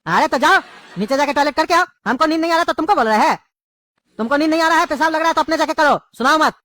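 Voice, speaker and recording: A woman's voice: high voice, a bit bright, no echo, clean studio sound. A woman, playing an irritable father in a comedy sketch. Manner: fast, irritable.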